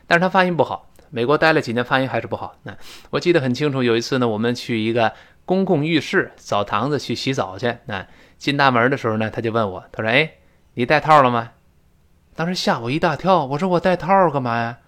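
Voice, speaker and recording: A male English teacher giving a spoken-English lesson, switching between chatty explanation and slow, stretched-out demonstrations of how words are pronounced. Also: mid-range voice. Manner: animated, drawn-out demonstrations of pronunciation; chatty, classroom storytelling tone.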